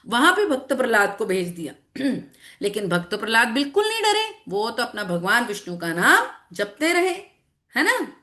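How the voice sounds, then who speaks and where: An animated woman teacher tells a scripture story to children over an online class. Her voice is bright and fairly high, and it leaps around a lot as she repeats phrases and checks that they follow. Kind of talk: storytelling lesson to children with slides.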